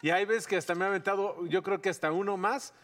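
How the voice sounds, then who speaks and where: A man with a Mexican accent, teasing friends loudly with crude jokes in casual group banter. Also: sits high, steady tone, fast talker.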